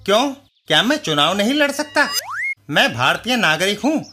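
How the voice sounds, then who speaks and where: A man voicing a naive, boastful adult man in a cartoon, talking in a lively, indignant way. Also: high-pitched, normal speed, over music. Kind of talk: cartoon voice acting.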